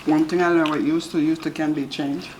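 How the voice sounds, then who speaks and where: A woman's voice: low voice, steady tone, brisk, noisy background. A woman co-hosting a food vlog, chatting casually while she cooks. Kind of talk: casual chat while cooking. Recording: loud sizzling food close by. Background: frying and sizzling on a grill.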